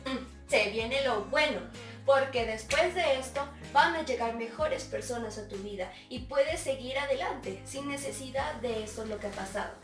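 A woman's voice: high voice, moderate pace. A young woman performing a theatrical monologue dramatically, with sobbing and sing-song wailing. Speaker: stage performer. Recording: roomy sound from a distant mic, faint music.

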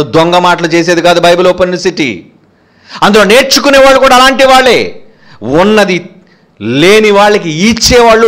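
A man preaching with fire and rebuke, his voice pitched high for a man and swinging widely up and down. He fires question after question at his congregation and scolds them sharply. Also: fairly bright tone. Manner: fiery and scolding, with frequent rhetorical questions to the congregation. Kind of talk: sermon.

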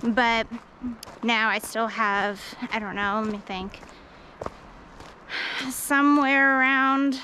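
A woman's voice: fairly high pitch, fairly even intonation, slow pace, long pauses, pushed and bright, slight background noise, low-quality recording. Rambling woman vlogging on a forest trail. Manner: rambling, self-deprecating, many fillers. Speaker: hiking vlogger. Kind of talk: casual vlog narration while hiking. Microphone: action camera.

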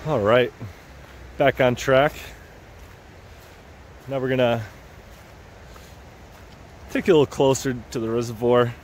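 A man of middle pitch, chatting casually to the camera he holds as he walks a woodland trail by a lake. He talks in an easygoing, rambling way and repeats the openings of his phrases. Faint hiss and distant highway traffic sit under the outdoor recording. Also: steady tone, slow, long pauses. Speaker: hiking vlogger. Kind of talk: casual walking commentary to camera. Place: outdoors on a wooded lakeside trail. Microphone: handheld camera or phone held by the walker.

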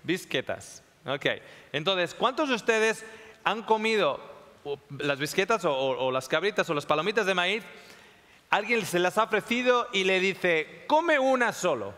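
Male lecturer, high, sharp voice, keeps checking in with the audience; long hall reverb. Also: lively intonation, moderate pace. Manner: checks in often with the audience, repeats phrases. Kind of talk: classroom talk to a live audience.

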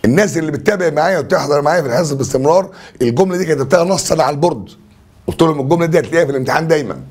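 A man's voice: a little high, lively intonation, rapid-fire, a little mellow. A man with an Egyptian accent, a French teacher going through exam answers in a chatty, joking way. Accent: Egyptian Arabic. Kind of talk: exam review lesson.

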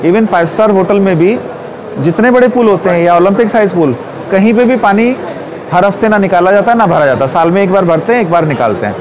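A man in his forties giving a confident, persuasive sales pitch at a stall in a large exhibition hall. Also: background noise. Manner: confident, persuasive, gestures while explaining. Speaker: pool company representative.

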